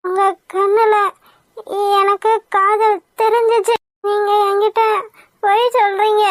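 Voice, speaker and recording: A woman voicing a young lovesick village woman in a cartoon, with a high, squeaky, weepy voice. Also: level tone, unhurried, dry recording. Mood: tearful. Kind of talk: cartoon voice acting.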